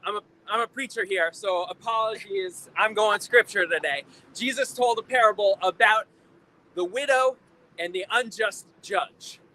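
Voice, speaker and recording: A man giving an impassioned protest speech like a preacher, emphatic and deliberate, repeating phrases for effect. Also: high voice, pushed and bright. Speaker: preacher, rally speaker. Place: outdoors at a rally in town. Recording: noisy outdoor urban recording, faint traffic.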